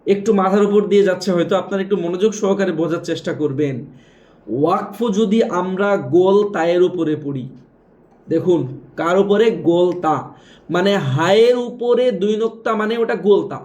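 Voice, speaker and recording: A man teaches Quran reading, spelling out letters and marks slowly, repeating them and quizzing his listeners. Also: high-pitched, a little mellow, lo-fi sound. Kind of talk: step-by-step spelling lesson.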